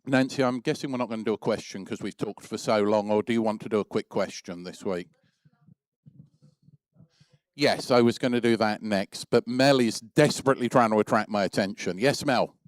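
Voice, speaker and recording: Man leading kids at church, halting speech. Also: fairly low pitch, no echo. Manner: halting, many fillers. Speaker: church youth leader. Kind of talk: church service remarks. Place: church service.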